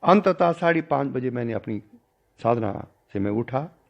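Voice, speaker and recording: An older man, a spiritual teacher, recounting a personal story in a discourse and acting out the dialogue with changing pitch and loudness. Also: expressive, normal speed, creaky. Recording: dull lo-fi recording.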